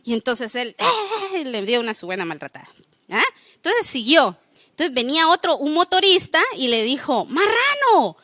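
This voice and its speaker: A woman teaching a faith formation class in an animated way, often checking in with her listeners. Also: fairly high pitch, normal speed, no echo, studio quality.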